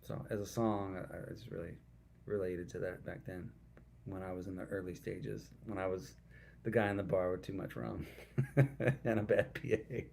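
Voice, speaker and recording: A man's voice: low-pitched, flat delivery, moderate pace, gravelly, a little mellow, slight background noise. A middle-aged man hosting his own music livestream, chatting between songs in a rambling, self-deprecating way and reading out viewer comments. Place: at home, alone with a guitar.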